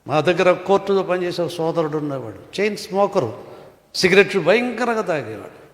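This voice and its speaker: Male pastor, high voice, sermon in a reverberant hall. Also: animated, normal speed. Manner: rhetorical questions, swings between loud and hushed. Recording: echoey hall.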